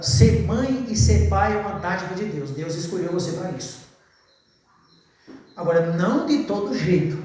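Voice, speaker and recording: A man's voice: fairly high pitch, darkish tone, slight background noise. A man preaching a sermon in church, folksy and questioning, calling his listeners brother. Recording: very echoey church, mic far off.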